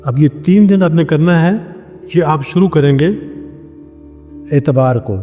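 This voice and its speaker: Mellow-voiced man dictating slowly in a reverberant room. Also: on the high side. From Pakistan. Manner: slow, deliberate dictation, repeating each word several times. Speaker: spiritual practitioner teaching a ritual. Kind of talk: instructional talk. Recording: long reverb with faint background music.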